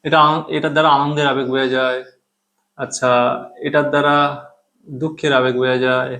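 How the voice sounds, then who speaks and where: A man's voice: medium pitch, little pitch movement, brisk, sharp tone. A man who speaks Bengali as his first language, teaching English grammar, patiently explaining in Bengali with English terms and often checking that students follow. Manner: patient, repeats key terms, checks in with "thik ache?".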